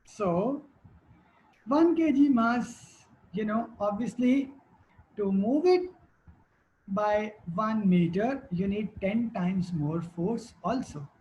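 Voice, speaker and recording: A woman's voice: mid-range voice, takes it slowly, warm tone, lo-fi sound. A woman teacher giving a classroom lecture, quizzing students and repeating their answers.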